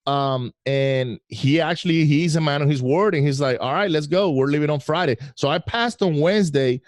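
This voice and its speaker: A middle-aged man from Venezuela telling his story as a guest, animated and laughing now and then. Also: on the high side, moderate pace, no room sound, clean studio sound. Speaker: podcast guest. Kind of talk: casual interview storytelling.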